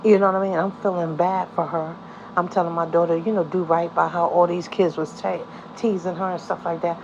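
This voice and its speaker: A middle-aged woman tells a personal story on her vlog, circling back on herself and repeating her phrases. Her voice sits somewhat low, with a faint hum of room noise behind it. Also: level tone, brisk, darkish tone, muffled recording. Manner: rambling, repeats "you know what I mean". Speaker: caseworker and foster parent.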